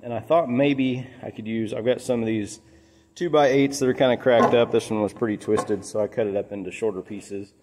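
A DIY builder and channel host explains a hands-on project in a large metal-roofed workshop building, speaking casually and plainly. His voice is fairly low-pitched and a little mellow.

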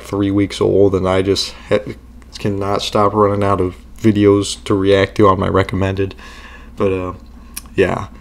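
A man hosting a reaction video, talking casually and rambling with many fillers. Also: fairly low pitch.

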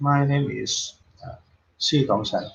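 A man teaches an online English lesson at a very slow pace, repeating key words and pausing to quiz his students. He reads English model phrases aloud in a deliberate, drawn-out way. The recording sounds dull and lo-fi. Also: mid-range voice, steady tone, creaky.

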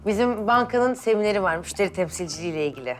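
An actress in her late twenties playing a young bank employee who bickers in quick, whiny exasperation with her parents. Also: medium pitch, expressive, soft background music, close to an everyday voice. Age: late 20s. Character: young woman fed up with her nagging parents. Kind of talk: film dialogue.

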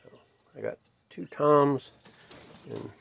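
Gravelly folksy man outdoors. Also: a little high, slow pace. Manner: relaxed, folksy, talks to animals. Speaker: homestead vlogger. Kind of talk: casual narration while filming. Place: outdoors in a farmyard by a shed. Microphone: phone camera held by the filmer. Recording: dull lo-fi phone audio outdoors.

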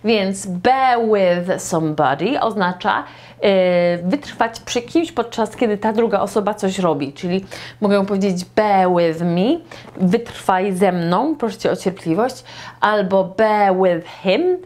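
A woman with a Polish accent teaching English phrases, modelling each one slowly and deliberately. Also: medium pitch, a little mellow.

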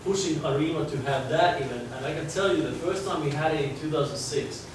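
Captured by a distant camera with no mic visible, this echoey, noisy recording features a Finnish-accented man in his forties giving a chatty guest lecture to students in a large hall. His voice is a little high and brisk, and he speaks conversationally, restarting phrases.

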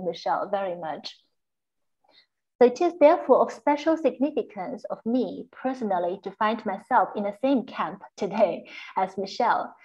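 A woman's voice: medium pitch, darkish tone. Woman moderator on dull video-call audio. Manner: polite, formal, reads carefully. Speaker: host and moderator. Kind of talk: formal introduction and housekeeping.

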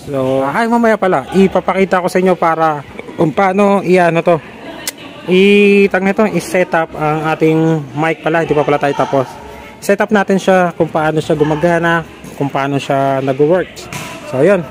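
At a moderate pace and with a slightly high voice, a young man vlogs about setting up his motorcycle helmet camera, chatty, filler-heavy, and calling viewers "lods." Slight background noise comes through the helmet-mounted action camera mic as he goes from outdoors at home to riding in this casual how-to.

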